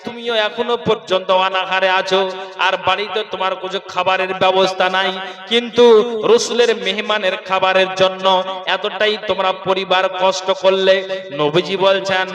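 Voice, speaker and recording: A male Islamic preacher tells a sacred story in a high, forceful voice. His delivery is declamatory and half-sung, pressing listeners to respond. The sound is distant and amplified, awash in hall echo. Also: flat delivery, highs cut off. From West Bengal, India. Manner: declamatory, chant-like drawn-out phrases, calling on listeners to respond. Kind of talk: waz sermon, dramatic storytelling.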